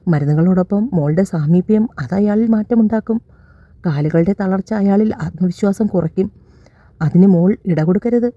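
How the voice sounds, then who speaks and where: A woman's voice: fairly low pitch, normal speed, mellow, no echo. A woman narrating a scripted audio love story, voicing every character's lines in her own voice. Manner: reads all characters' dialogue in her own voice, slightly raised. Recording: dull dry lo-fi recording.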